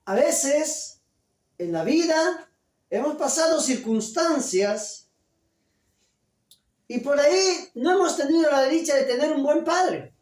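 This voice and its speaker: A pastor delivering a sermon, loud and emphatic, full of rhetorical questions. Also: male voice, very high-pitched, expressive, slow, long pauses. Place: church. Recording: echoey church from a distance.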